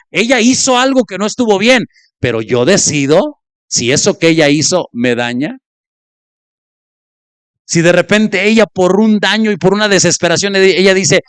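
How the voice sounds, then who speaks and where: A man's voice: fairly bright tone, clear, resonant tone, no echo, clean studio sound. A male pastor preaching a sermon, acting out conversations as examples. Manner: illustrates points by acting out spoken exchanges, with sudden pitch jumps.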